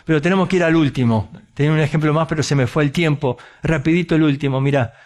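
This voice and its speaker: A man with an Argentine accent preaching a sermon, telling a story with animated, conversational asides and rhetorical questions. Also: on the high side, quick pace. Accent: Argentine Spanish.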